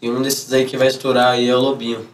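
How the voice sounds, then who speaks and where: A man's voice: medium pitch, level tone, quick pace, far from the mic, slight background noise. A man with a São Paulo accent chatting casually as an interview guest, in heavy street slang, often acting out imagined reactions. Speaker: music artist, interview guest. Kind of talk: casual chat.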